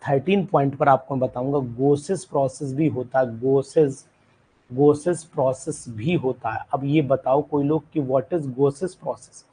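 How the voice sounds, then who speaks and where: A male chemistry teacher with a husky, mellow voice runs a live online class. He keeps firing questions at students by name and repeats key terms so they stick. English technical words slip in among his explanations. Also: mid-range voice, a little slow, poor audio.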